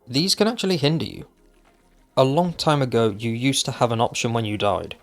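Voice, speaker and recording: A man narrating a scripted top ten countdown style video of game tips, explaining each item clearly with casual asides. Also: medium pitch. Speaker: gaming video host. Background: music.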